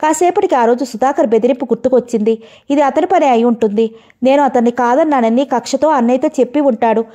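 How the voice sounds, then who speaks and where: A woman narrating a first-person story in a steady, emotional way. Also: high voice, fast, dull audio.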